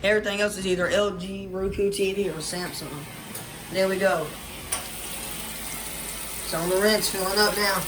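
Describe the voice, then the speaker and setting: A high, level-toned man speaking at normal speed but pausing often rambles through a casual condo-kitchen vlog walkthrough, with plenty of fillers and restarts. Beside a running washer indoors, the audio is noisy with water and appliance sounds.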